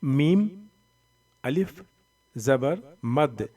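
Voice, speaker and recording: A man teaching Quran reading, slowly sounding out letters and syllables, drawing out the long vowels, with a voice that cracks when he strains it. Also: medium pitch, expressive, warm tone, far from the mic. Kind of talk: Noorani Qaida recitation lesson.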